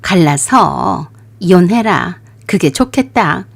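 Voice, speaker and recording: A woman's voice: mid-range voice, expressive, moderate pace. A woman voicing a stern scolding older mother-in-law. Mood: cold, stern. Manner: scolding, sharp rebukes. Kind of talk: radio drama acting.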